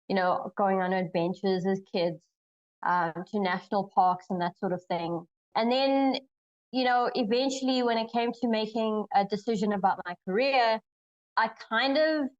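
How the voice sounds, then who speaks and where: A woman's voice: mid-range voice, dull audio. Young woman from Zimbabwe over a video call. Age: young adult. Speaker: guest, snake researcher. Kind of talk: interview answers.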